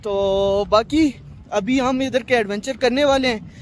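A man's voice: very high-pitched, unhurried. A man with a Pakistani Urdu accent chatting casually to camera outdoors by a lake, teasing a friend. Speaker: vlogger on camera. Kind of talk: casual travel vlog.

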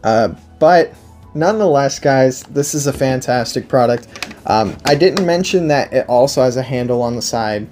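A man in his twenties, medium-pitched with a darkish tone, reviews a product unscripted at a moderate pace and with lively intonation. Soft music plays as he sits at a table before a backdrop in an indoor room, emphatic and prone to repeating himself.

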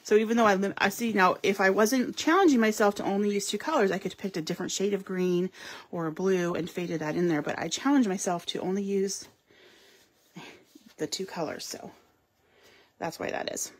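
At a craft table at home or in a studio, a craft store demonstrator gives a live card-making demonstration. Her voice is medium-pitched at normal speed, and she chats and explains as she works, with frequent ums.

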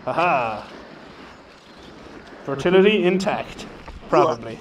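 A man's voice: a little high, expressive, takes it slowly. An Irish man chatting casually and jokingly outdoors, often mock-serious, as a motovlogger. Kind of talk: casual chat while walking. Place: outdoors on a woodland path. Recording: distant mic, outdoor background noise.

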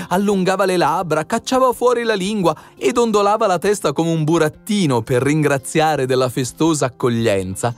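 A man narrating a fairy tale with expressive, animated storytelling. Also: on the high side. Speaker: audiobook narrator.

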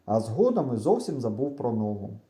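A man reads a children's adventure aloud, with animated storytelling that swings widely in pitch. His tone is dark and mellow but sits slightly high. The room around him is echoey. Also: normal speed. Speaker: audiobook reader. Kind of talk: expressive audiobook narration.

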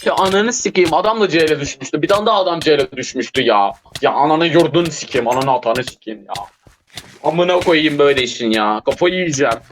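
A man's voice: on the high side, lively intonation, brisk, a little hiss or hum. Swearing, frustrated young gamer man. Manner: swears constantly, frustrated outbursts and shouting. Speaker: gamer streamer. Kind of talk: casual gameplay chat with teammate.

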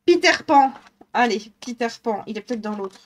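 A woman's voice: fairly high pitch, lively intonation, moderate pace. A woman with a northern French accent streaming live, chatting casually and thinking aloud as she colours, laughing often. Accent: northern French (ch'ti).

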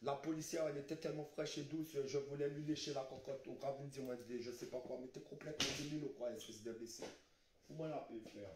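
A man's voice: mid-range voice, steady tone, fast, echoey room, very noisy. A man streaming live, ranting in a rambling, insulting way with garbled phrasing. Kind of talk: street livestream rant.

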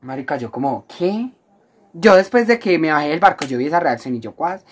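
Low-voiced, dramatic Colombian woman vlogger. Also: expressive, fast talker, background noise. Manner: dramatic, exaggerated, slangy, chatty to the viewer as a friend. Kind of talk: casual storytime vlog.

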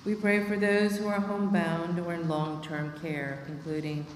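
Picked up by a lectern microphone from a distance in an echoey church, a middle-aged lay reader leads the prayers, steadily reading them along with a long list of names. She has a lowish voice with little pitch movement at a moderate pace, and there's a little hiss or hum.

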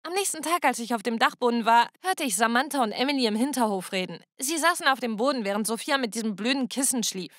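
A woman telling a first-person family drama as scripted narration. Her voice is high and bright, with an emotional, dramatic delivery, recorded close and completely dry. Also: lively intonation, fast talker, hardly any pauses, no echo.

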